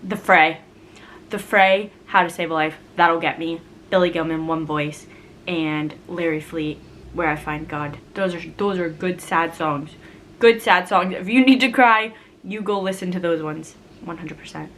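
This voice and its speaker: A woman's voice: on the low side, unhurried, a bit bright, slight background noise. Chatty, laughing young woman vlogger. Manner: chatty and rambling, laughs often, leans on "like". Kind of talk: casual chat answering viewer questions.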